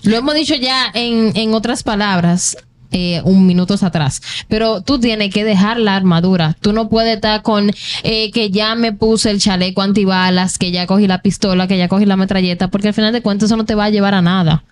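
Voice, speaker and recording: A woman's voice: medium pitch, steady tone, brisk. A woman in mid-range casual podcast talk. She is earnest and reflective, and she often turns to speak straight to the listeners as she works through her point. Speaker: podcast co-host. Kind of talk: casual chat.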